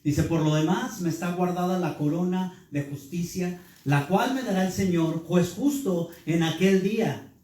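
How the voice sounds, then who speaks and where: A man's voice: high voice, unhurried, darkish tone. A male pastor gives a Bible class sermon and keeps asking the room questions. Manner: teaching, asks the room questions. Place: church hall. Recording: echoey hall, speaker far from mic.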